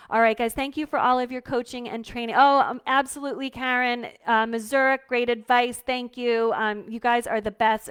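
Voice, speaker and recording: A woman's voice: fairly high pitch, smooth. A woman hosting a live-streamed coaching talk for business owners, chatty and heartfelt, with many fillers. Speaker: host.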